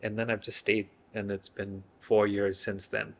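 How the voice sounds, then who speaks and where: Man, 30s, from Singapore; hesitant, easygoing interviewee, lowish voice. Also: unhurried, creaky, slight background noise. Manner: relaxed, hesitant, many fillers and restarts. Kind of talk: casual interview chat.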